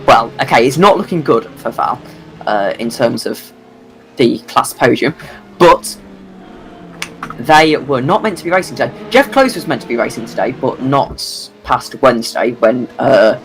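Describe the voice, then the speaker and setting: Brief: male commentator, running on no sleep, rambling, very animated pitch. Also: normal speed, creaky, soft background music, poor audio. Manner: tired, rambling, self-deprecating. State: sleep-deprived. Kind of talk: sim racing commentary.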